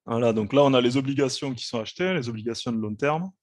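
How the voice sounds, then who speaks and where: A man's voice: medium pitch, fast, no echo, studio quality. A man hosting a live trading stream, giving casual, explanatory market commentary. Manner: relaxed, explanatory, repeats "hein" and "quoi".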